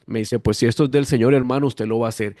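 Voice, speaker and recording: Colombian pastor telling a lively story. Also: male voice, medium pitch, fast, no echo, studio quality. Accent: Colombian, Bogotá. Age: 50s. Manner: lively animated storytelling, acting out quoted voices. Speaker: guest pastor. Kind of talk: storytelling testimony.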